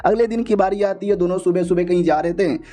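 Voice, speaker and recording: Casual male narrator for a story retelling: chatty, high-pitched, mellow tone. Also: fast talker. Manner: chatty, conversational. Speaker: story explainer.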